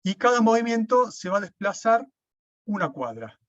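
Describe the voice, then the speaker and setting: A man's voice: sits high, sing-song, moderate pace, a bit bright, no room sound. A man, lecturing an online class, explaining step by step and often checking with "¿sí?". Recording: dull, dry lo-fi sound.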